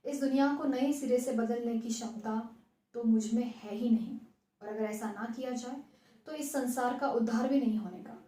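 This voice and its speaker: A woman's voice: on the high side, normal speed, dark tone, natural voice. A woman reading as a stern scolding mother. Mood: wry. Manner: scolding, then wryly resigned. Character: scolding middle-aged mother, wry and stern. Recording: echoey room.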